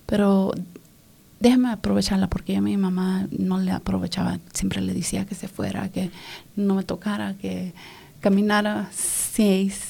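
A woman whose first language is English, giving an earnest personal faith testimony in an interview. She speaks softly and often drops into a whisper. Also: mid-range voice, level tone, normal speed, vocal fry. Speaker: interview guest.

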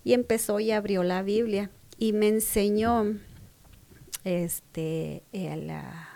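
A woman with a Mexican Spanish accent shares a personal faith testimony in a soft, slow, medium-pitched voice. She often drops to a breathy half-whisper and acts out quoted dialogue with rising emphasis.

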